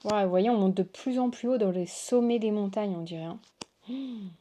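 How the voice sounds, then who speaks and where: A woman's voice: mid-range voice, normal speed, mellow. A woman hosting a casual unboxing chat, gushing and exclamatory as she shows cards to her viewers. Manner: gushing, exclamatory, lots of waouh and oh là là. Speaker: tarot reader and channel host.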